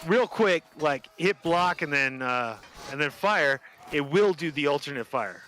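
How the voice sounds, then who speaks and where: A man's voice: fairly high pitch, animated, a little slow, bright, forceful tone. A man hosting a live gaming stream, chatting casually and joking. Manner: joking, laid-back. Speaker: streamer host. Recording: game music behind.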